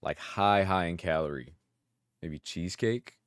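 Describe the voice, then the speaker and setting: A man's voice: deep voice, a little slow, smooth, no room sound, clean studio sound. A man reacting to videos in casual, profane commentary, blurting out his thoughts. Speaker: reaction streamer.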